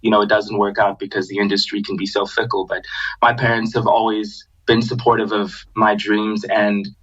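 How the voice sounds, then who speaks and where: A young man from Zambia, raised in Botswana, talks through his story in a relaxed, unhurried podcast chat. His voice sits fairly low and comes through slightly dull, with a lo-fi edge to the recording. He fills his sentences with easy pauses and "you know". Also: husky. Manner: relaxed storytelling with many fillers. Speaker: guest singer-songwriter.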